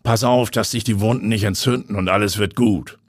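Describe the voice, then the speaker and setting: A man playing a calm, matey paramedic. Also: on the low side, fairly quick, no room sound, clean studio sound, natural voice. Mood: reassuring. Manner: reassuring, matey.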